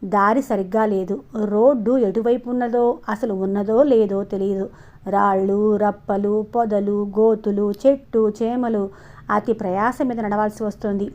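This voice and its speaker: A woman's voice: mid-range voice, fairly even intonation, moderate pace, dark tone. Woman narrating a novel, lo-fi. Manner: reads dialogue of both lovers in a lightly heightened tone. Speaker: audiobook narrator. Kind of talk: novel reading with voiced dialogue. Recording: dull lo-fi sound.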